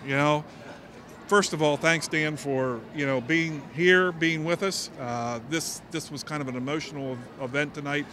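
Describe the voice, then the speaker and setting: A middle-aged man speaking informally at an event interview, halting and repeating words as he goes. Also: fairly high pitch, bright, forceful tone. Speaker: state legislator and fundraiser organiser. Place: large indoor horse show arena. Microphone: handheld interview microphone. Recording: clear ambient noise of busy arena.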